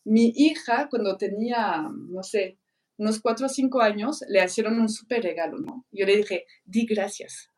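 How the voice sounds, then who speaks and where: Recorded from afar, a middle-aged woman with a mid-range voice talks at a moderate pace in a chatty podcast. As a teacher who speaks on learning, she tells anecdotes with animation, acting out the quoted voices of others.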